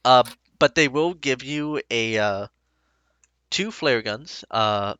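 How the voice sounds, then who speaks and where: A man's voice: mid-range voice, sharp tone, clear, resonant tone, no echo. Laid-back man running a tabletop game. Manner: laid-back, halting with many pauses. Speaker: game master.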